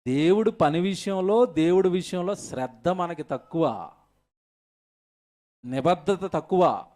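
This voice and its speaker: A man's voice: high voice, darkish tone. A male pastor preaching an emphatic sermon at a church service, firing rhetorical questions at the congregation.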